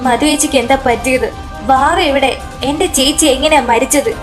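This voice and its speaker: A woman voicing a young woman who is eager and anxious, firing rapid questions over soft music. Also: high voice, steady tone, lightly acted. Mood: eager, urgent.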